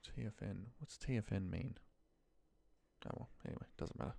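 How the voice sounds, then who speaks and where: A man with a low, creaky voice walks through a spreadsheet task in an unscripted screen-share tutorial. He moves briskly with a mellow sound, informal and muttering to himself as he works.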